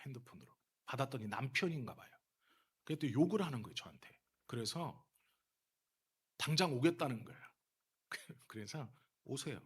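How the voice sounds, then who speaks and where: A male pastor preaching a sermon and telling stories, moving between hushed asides and heated emphasis. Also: mid-range voice, breathy edge. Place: church sanctuary.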